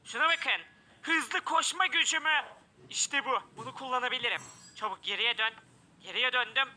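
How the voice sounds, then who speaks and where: Male gameplay commentator, very high, sharp tone, keeps yelping in alarm. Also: normal speed. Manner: exclamatory, often crying out in alarm. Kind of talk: excited let's-play commentary.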